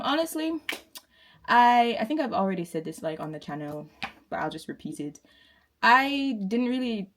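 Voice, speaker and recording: A Jamaican woman in her twenties, vlogging in a chatty, rambling way with lots of fillers and restarts. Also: fairly low pitch. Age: 20s. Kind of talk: casual chat to camera.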